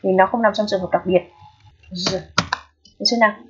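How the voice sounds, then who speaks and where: A woman's voice: medium pitch, fairly even intonation, very fast, noisy background. A woman teaching an English exam review lesson, patient and repetitive, often checking that students understand. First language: Vietnamese. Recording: dull lo-fi recording.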